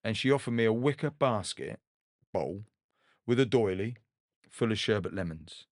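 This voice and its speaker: A man's voice: fairly low pitch, expressive, moderate pace, no echo, studio quality. A middle-aged man, a guest, telling his story in a casual, rambling and earnest way and acting out the dialogue he quotes. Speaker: guest, ocean rower.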